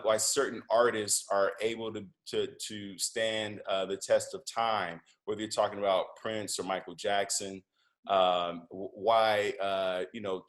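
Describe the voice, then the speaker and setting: A man who is a comedian and podcast host, telling stories as a guest in a conversational interview, animated, with lots of fillers and restarts. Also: fairly low pitch.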